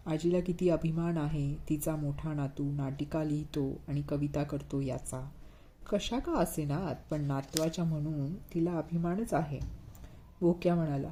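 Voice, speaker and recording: A woman's voice: low-pitched, measured pace, warm tone, slight background noise. A woman reading a bedtime story aloud, voicing the characters with light expression.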